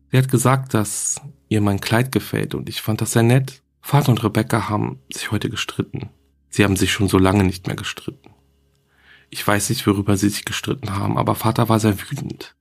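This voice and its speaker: A man reading as a grieving little girl, husky. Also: fairly low pitch. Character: lonely grieving young girl writing a diary. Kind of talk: scripted horror narration.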